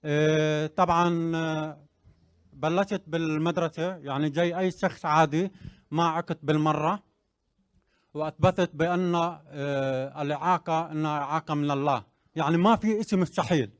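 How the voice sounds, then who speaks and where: A young man speaks with earnest, building conviction, his voice sitting fairly high. The sound is dry and close, with no room around it. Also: steady tone, brisk, clear, resonant tone, dry recording. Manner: earnest, rising to emphatic declarations. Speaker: interviewee sharing his story. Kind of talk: personal testimony and motivational speech.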